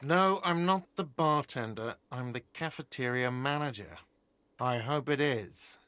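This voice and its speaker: A man's voice: medium pitch, measured pace, fairly bright tone, slight background noise, close to an everyday voice. A man voicing a whiny, impatient cafeteria manager in a video game. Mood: curt. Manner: curt and impatient. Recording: game audio with faint music.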